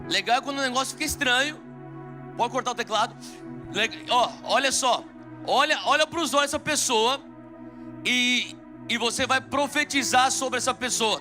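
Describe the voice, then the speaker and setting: A man in his forties from São Paulo with a São Paulo Brazilian Portuguese accent, preaching a live sermon and leading prayer with fervent exhortations and frequent restarts. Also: very high voice. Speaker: pastor. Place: large church auditorium with live audience.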